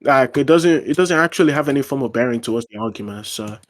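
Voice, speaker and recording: In an expressive, medium-pitched voice, this man argues quickly during a casual online debate. Fillers and restarts crop up throughout his point-making.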